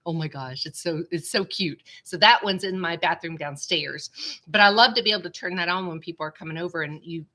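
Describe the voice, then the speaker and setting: Talking a little fast in a lowish, sharp-toned voice, a stuffy-nosed, congested vlogger hosts a live stream from her computer at home. She's chatty and rambling, often saying "y'all," captured by a small webcam.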